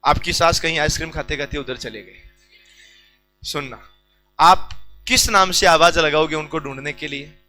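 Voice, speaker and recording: Bright-voiced male teacher, high and teasing. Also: normal speed, pauses often, soft background music, rough recording. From India. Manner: teasing, talks straight to the class. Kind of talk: joking classroom lecture. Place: classroom.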